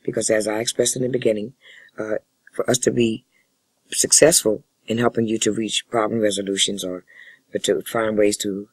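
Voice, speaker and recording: Husky, low-voiced man counseling formally. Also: level tone, no echo, low-quality recording. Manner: measured, formal, wordy phrasing. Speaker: family therapist in a role-play session. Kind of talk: spoken counseling role-play demonstration.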